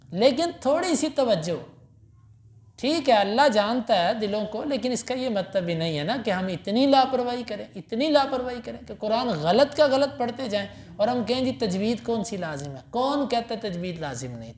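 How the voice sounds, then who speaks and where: A man from Pakistan, a mufti giving a Quran lesson after evening prayer, emphatic, reciting Arabic verses slowly and then explaining them. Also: high-pitched, a little mellow. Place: mosque. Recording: echoey mosque hall.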